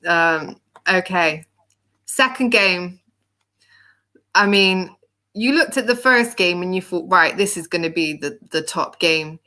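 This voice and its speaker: A woman's voice: lowish voice, slow pace, bright, forceful tone. A woman hosting a casual football discussion panel, chatty, with frequent ums and restarts. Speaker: panel host.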